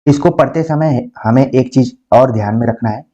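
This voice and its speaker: A man teaching grammar for an exam, explaining patiently, repeating example words slowly and asking himself rhetorical questions. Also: mid-range voice, warm tone, no echo. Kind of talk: exam-prep grammar lesson. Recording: dull, muffled dry recording.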